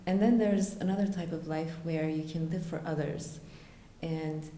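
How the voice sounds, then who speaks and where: A woman from Florida answering interview questions earnestly, with frequent fillers and pauses. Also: sits low, fairly even intonation, dark tone, roomy sound. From United States (Florida). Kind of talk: conversational interview.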